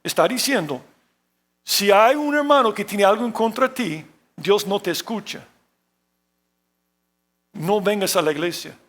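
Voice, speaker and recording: A man with a notably high voice delivers a sermon from the pulpit. He repeats words as he searches for them and often fills pauses with "eh". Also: animated, a bit bright. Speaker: pastor.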